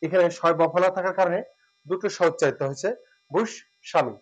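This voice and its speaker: A man giving a spoken lesson, explaining step by step and repeating words slowly and drawn out. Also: sits high, lo-fi sound. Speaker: teacher.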